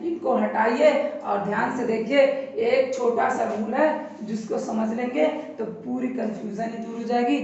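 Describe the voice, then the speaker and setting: Grammar teacher, woman, drawn-out patient delivery, distant dull lo-fi recording with heavy room echo. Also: a little high, vocal fry. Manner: slow, repetitive explaining at a board. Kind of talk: classroom grammar lesson.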